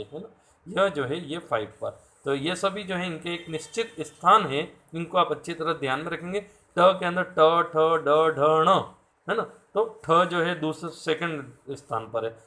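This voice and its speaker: A man's voice: on the high side, fairly bright tone. A man teaching a class, patiently spelling out sounds and asking his students questions. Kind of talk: classroom lecture.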